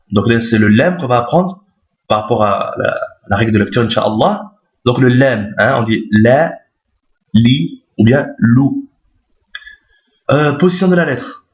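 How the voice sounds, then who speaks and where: A man teaching Arabic reading step by step, patiently repeating each point and often checking that listeners follow. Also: medium pitch. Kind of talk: step-by-step lesson explaining letters on screen. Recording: roomy, dull lo-fi recording.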